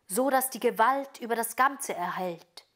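A woman's voice: fairly high pitch, unhurried, a bit bright. A woman voicing a loyal reindeer who earnestly pleads for help. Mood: pleading.

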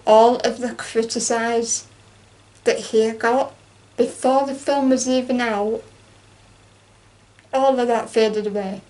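Young woman, fairly high voice, chatty, animated film chat. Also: slow, long pauses. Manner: chatty and animated, acts out quotes with laughs. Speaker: co-host. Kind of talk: casual chat reviewing a film.

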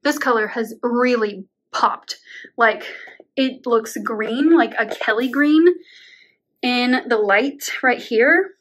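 A woman's voice: on the high side, slow, fairly bright tone. A young woman vlogging casually at home while painting her room, chatty and rambling, tired and at times out of breath. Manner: chatty, rambling, uses "like" often, laughs between words. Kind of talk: casual vlog talk to camera. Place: home bedroom being painted.

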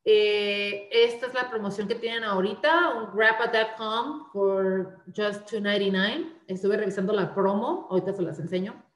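With a reverberant, medium-pitched voice at a moderate pace, a woman instructor presents slides in an online class. Her step-by-step explanation is peppered with "eh" and restarts.

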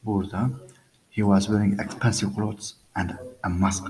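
A man's voice: lowish voice, little pitch movement, normal speed, darkish tone, low-quality recording. A man teaching English by reading a story aloud and explaining each line patiently, repeating phrases and speaking to listeners as friends.

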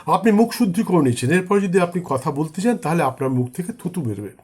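A man talks through a ritual step by step in a husky voice that sits high and moves a lot. Between explanations he chants mantras slowly and solemnly. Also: animated, darkish tone. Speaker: astrologer teaching puja rituals. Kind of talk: spoken ritual instruction.

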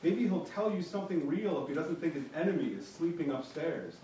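A man's voice: high-pitched, sing-song, fairly quick, warm tone, a little hiss or hum, pitched above the performer's own voice. A man reading the lines of a frustrated wife in a whispery, strained voice. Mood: pleading. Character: frustrated wife pleading with her husband. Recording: very echoey room, mic far off.

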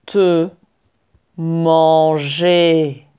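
Angry storybook lion played by a woman, loud, gruff, slow and deliberate. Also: low-pitched, little pitch movement. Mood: furious. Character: furious big male lion, woken up.

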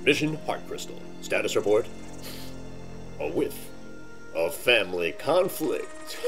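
A boastful, scheming thief villain from a cartoon, speaking slowly and theatrically. His pitch leaps and dives wildly as he gloats. A loud music score plays behind him. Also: huge pitch swings. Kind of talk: animated series voice acting.

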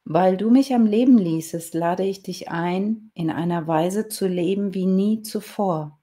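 A woman voicing a trapped, wise old male wolf who wails in pain and then speaks slow and solemn. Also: mid-range voice, mellow, close to an everyday voice.

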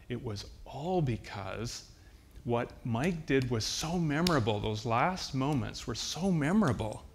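A man, preaching a sermon as a pastor and telling a personal story in an earnest, heartfelt way with slow, emphatic repetitions. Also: mid-range voice. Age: 60s.

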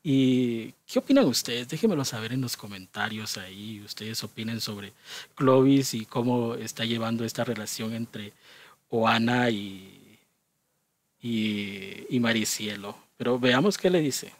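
A man's voice: medium pitch, a little slow, no echo. Chatty man commenting to viewers. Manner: chatty, asking viewers for opinions. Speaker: commentator of a reality show.

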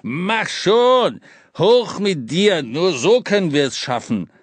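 A man's voice: fairly high pitch, sing-song, slow pace, dry recording. A man voicing a big, sly old hobo king in an audiobook, teasing and then urgent. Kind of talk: audiobook character voice.

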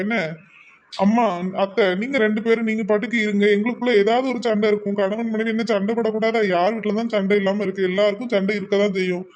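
A performer doing a cartoon young husband, quick defensive talk, mid-pitched. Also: natural voice. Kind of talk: cartoon family drama.

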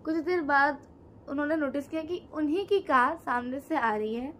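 A woman's voice: sits high, normal speed, a bit bright, slight background noise. Chatty teen girl narrating horror. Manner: chatty, addresses viewers as guys, dry asides. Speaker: co-host storyteller. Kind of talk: casual horror storytelling. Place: indoor room, on a sofa.

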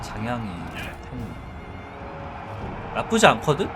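Male game streamer with lively, swinging pitch. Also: slow. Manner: thinks aloud, explains tactics to viewers. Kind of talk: casual live strategy game commentary. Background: game music.

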